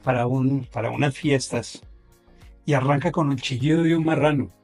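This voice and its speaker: A man's voice: medium pitch, normal speed, a little mellow, faint music behind. A man from Colombia interviewing a guest casually, mostly offering short affirming interjections.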